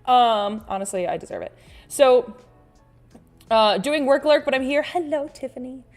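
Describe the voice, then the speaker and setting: A woman's voice: high voice, normal speed, a little mellow, soft background music. A woman hosting a casual livestream, chatting playfully with viewers in an exclamatory, rambling way, often interrupting herself as she reads and reacts to comments. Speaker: livestream host and artist.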